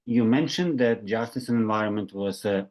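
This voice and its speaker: A man in his forties moderating a webinar from a room with bookshelves, speaking haltingly with many fillers into his laptop webcam. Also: on the low side, a little mellow. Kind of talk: moderating questions. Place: home room with bookshelves, indoors. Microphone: laptop webcam on a video call.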